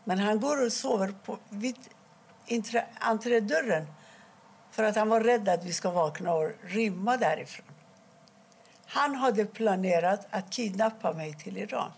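Gravelly husky-voiced woman telling her story. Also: mid-range voice. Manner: halting, with restarts and quoted dialogue. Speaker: interviewee. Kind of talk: personal account in an interview.

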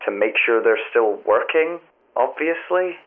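In this naturalistic audio drama scene, a man with a mid-range voice and lively intonation voices a hesitant, good-natured, wry tower phone tester. His delivery is halting, vague, literal-minded and politely puzzled, heard through a thin telephone-line filter over background music.

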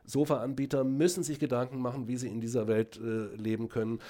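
A man's voice: medium pitch, level tone, fairly quick, dark tone. A middle-aged man, a researcher, talking as a podcast guest. He hesitates a lot and fills gaps with "ähm", then pushes his points hard. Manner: hesitant with many fillers, then emphatic. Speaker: guest, speech technology researcher. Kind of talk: podcast conversation.

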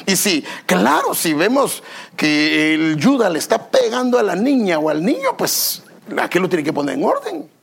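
Lively gravelly-voiced pastor preaching. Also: male voice, high voice. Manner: self-deprecating, animated storytelling, asks the congregation questions. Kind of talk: sermon with personal anecdotes. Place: church service.

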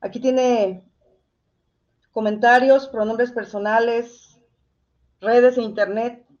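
A woman's voice: on the high side, steady tone, slow, a little mellow, highs cut off. A woman speaking as an interview guest, explaining things conversationally and addressing the host directly.

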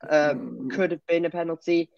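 A man's voice: a little high, moderate pace, creaky, no echo, muffled recording. A man co-hosting a football podcast, reviewing a match in casual chat, hesitant and full of fillers and restarts.

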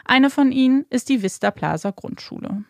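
Woman narrator, true-crime podcast, measured dramatic read, gravelly, dry studio. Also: sits high, lively intonation, dry recording.

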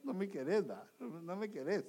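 A man's voice: high-pitched, lively intonation, fairly quick, mellow, breathy edge, exaggerated voice. A man preaching who puts on the voice of a sulking, demanding wife. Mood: whiny. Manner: whiny, pleading.

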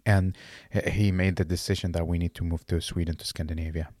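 As a guest in a relaxed interview, this Iraqi man in his late twenties, not an English speaker, talks haltingly and keeps restarting phrases as he hunts for words. His very deep, darkish voice stays level in tone, and the close recording has no echo.

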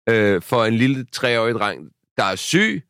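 A man's voice: on the low side, big pitch swings, a bit bright, clean tone, dry recording, clean studio sound. A man in his thirties, a podcast co-host, telling a story in casual chat with many fillers and restarts.

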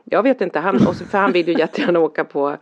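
A middle-aged woman, a parent, chatting casually and rambling through a story, acting out the lines people said. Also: fairly low pitch. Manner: rambling, animated, acts out quoted lines. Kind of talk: casual chat. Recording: dull lo-fi sound.

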